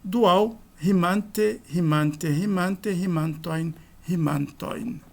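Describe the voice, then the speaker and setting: Slow, methodical male grammar teacher. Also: high-pitched, gravelly. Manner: methodical, explanatory, spelling out forms one by one.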